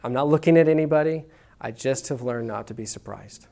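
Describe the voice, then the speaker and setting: A man's voice: mid-range voice, brisk, gravelly, dark tone. A man preaching a sermon to a congregation in a casual, conversational way, often checking in with "okay?". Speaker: pastor. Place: church room with congregation.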